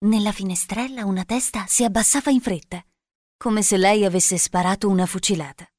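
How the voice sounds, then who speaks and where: Woman narrator, storybook reading, steady, middle pitch, dry sound. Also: brisk, no room sound.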